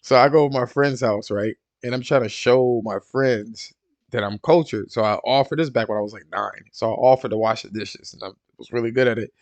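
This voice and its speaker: A young man co-hosting a casual podcast chat, telling animated stories and acting out voices. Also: medium pitch, fairly quick, no echo, dull audio. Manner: animated storyteller, acts out voices. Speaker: podcast co-host.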